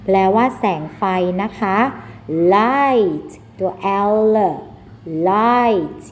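A woman's voice: a little high, animated, a little hiss or hum. A woman with a Thai accent teaching an English phonics lesson to children, patient and mixing Thai with English. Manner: slow, patient, switching between Thai and English.

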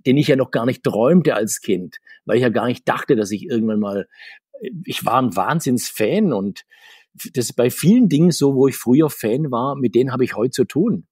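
A man in his 60s, a comics marketer, is a guest on a video-call interview, chatting casually from a home room full of figures; he rambles and laughs between points. His medium-pitched voice is a little mellow and husky, with lively intonation and a moderate pace. The sound is studio quality with no room sound.

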